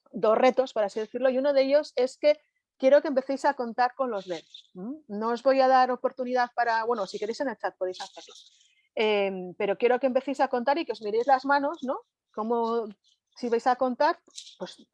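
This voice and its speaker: A woman's voice: on the high side, a little mellow, no echo. A woman from Spain giving a live online lecture, talking conversationally and constantly checking in with her audience.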